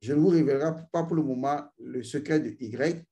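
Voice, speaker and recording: A man teaching a spiritual ritual, speaking slowly and intoning drawn-out vowel sounds for his students. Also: medium pitch, warm tone, dull audio. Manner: addresses learners directly, repeats "vous voyez". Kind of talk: esoteric ritual instruction.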